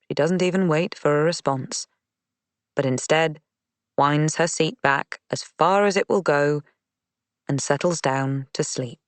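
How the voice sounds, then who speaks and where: A man narrating a mystery audiobook in a measured, even reading. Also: a little high, no echo. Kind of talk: scripted narration.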